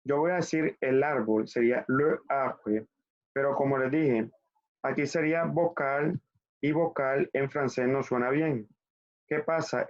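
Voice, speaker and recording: A man teaching an online French class in Spanish, explaining patiently step by step and spelling letters out slowly. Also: mid-range voice. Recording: muffled lo-fi online class audio.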